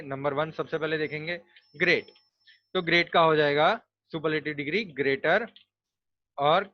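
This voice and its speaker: A man's voice: a little high, no echo. A man teaching a grammar lesson, explaining step by step and spelling words out letter by letter. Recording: dull, lo-fi dry recording.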